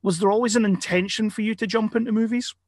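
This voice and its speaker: A man's voice: high-pitched, fairly even intonation, fast talker, dry recording, studio quality. A man hosting a podcast interview, teasing his guest in a jokey way. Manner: jokey, laughs often. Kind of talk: casual interview chat.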